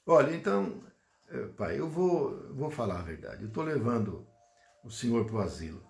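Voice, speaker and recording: A man's voice: mid-range voice, sing-song, normal speed, vocal fry, darkish tone. A man voicing a strong young son who coaxes his father. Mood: guilty. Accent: Brazilian Portuguese. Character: strong young son, impatient then guilty. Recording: roomy echo.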